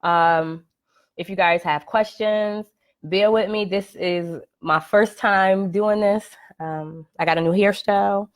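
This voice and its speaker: A woman's voice: medium pitch, steady tone, slow. A woman hosting her first live podcast, talking casually with many "right?" checks and "um" fillers. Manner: conversational, frequent "right?" and "um" fillers. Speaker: podcast host. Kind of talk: casual live-stream monologue. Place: at home, live video stream. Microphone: computer or phone mic on a live stream.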